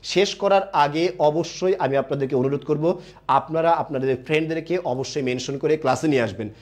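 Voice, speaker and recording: A man's voice: a little high, a little fast, a little mellow. A young man teaching a live online class. He asks questions and answers them himself, and reads viewer comments aloud.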